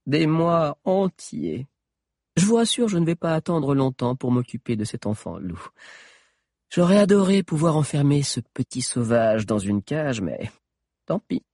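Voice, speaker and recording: A man's voice: a little high, expressive, measured pace, darkish tone, dry recording, clean studio sound, pitched above the performer's own voice. A man doing a sadistic sorceress queen. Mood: menacing. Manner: mocking, menacing, relishing cruelty. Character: cruel scheming sorceress queen, woman, sadistic. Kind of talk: audiobook character voice.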